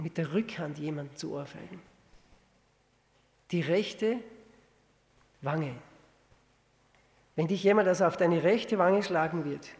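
A man with a gravelly, creaky voice preaches a verse-by-verse sermon in a conversational way. He stumbles into restarts and keeps checking in with his listeners through rhetorical questions. His voice rings out with a long reverb in a church hall. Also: a little high, a little mellow. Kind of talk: sermon, verse-by-verse Bible exposition.

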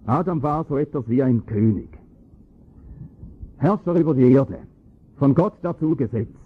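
A man preaching a sermon, explaining scripture with emphatic, rising stress on key points and a husky voice. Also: medium pitch, moderate pace. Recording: tinny phone-like lo-fi recording.

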